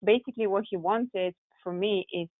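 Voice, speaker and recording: Her voice mid-range and her pace normal, a podcast guest with a Russian accent talks through how she founded her tech company. The conversational interview carries no echo but has a muffled, narrow, phone-like quality.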